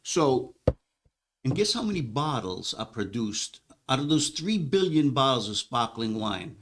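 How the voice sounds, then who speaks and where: A man's voice: mid-range voice, sing-song, measured pace, a bit bright. Rambling male podcast host. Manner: rambling, many fillers and restarts. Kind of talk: casual wine podcast chat. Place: studio.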